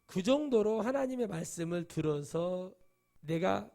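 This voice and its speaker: Male pastor, gravelly tone, mid-high voice, conversational sermon with acted-out quotes. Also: lively intonation, a little fast. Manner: conversational, acts out quoted voices, swings between loud and hushed. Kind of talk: Sunday sermon with storytelling.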